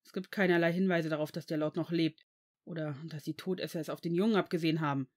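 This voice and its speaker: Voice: medium pitch, brisk, close to an everyday voice. A reader voicing an angry, protective male potions master in a fan fiction audiobook, cutting and indignant. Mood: furious. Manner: cutting, indignant, shouting at times.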